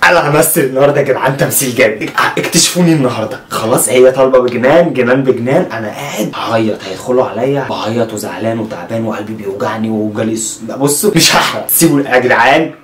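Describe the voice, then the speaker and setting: Egyptian vlogger, young male, hyped delivery, echoey bedroom recording. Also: mid-range voice. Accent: Egyptian Arabic. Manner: fast, hyped, addresses viewers as "guys". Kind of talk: excited vlog talk to camera. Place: bedroom at home. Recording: distant roomy mic with room noise.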